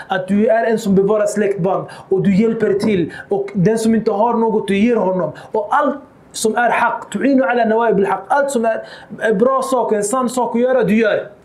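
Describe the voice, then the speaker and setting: A man giving a religious lecture, animated and acting out quoted dialogue, with Arabic quotations mixed in. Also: high-pitched, echoey room. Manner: mixes Arabic quotations into Swedish. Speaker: Islamic lecturer. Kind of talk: lecture on the life of the Prophet.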